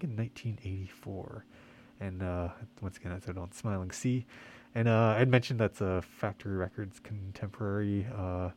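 A man hosting a music radio show in a casual, halting, quiet way, slightly muffled by the mask he is speaking through. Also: low voice. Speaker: radio host and DJ. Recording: faint background noise, muffled by mask.

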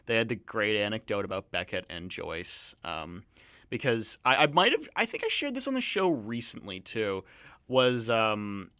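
Male radio host, lowish voice, dry studio sound, rambling halting storyteller. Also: very animated, sharp tone, dry recording. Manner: halting, stumbling storyteller with many fillers. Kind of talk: casual radio chat.

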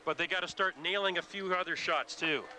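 Man, basketball color commentary, raised pitch, halting, fillers, loud background noise. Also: poor audio. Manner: halting analysis with many fillers.

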